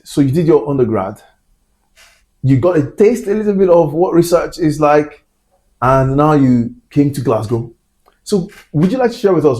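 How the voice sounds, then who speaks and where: A science podcast host in Glasgow, this man has a fairly high-pitched, mellow voice. His interview chat is relaxed and meandering, heavy on fillers and asides.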